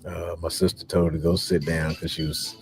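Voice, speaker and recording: A man's voice: sits low, flat delivery, fairly quick, vocal fry, noisy background. A man talking to his followers in a casual, emphatic monologue, with plenty of fillers. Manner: emphatic, indignant, with frequent fillers. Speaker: social media host.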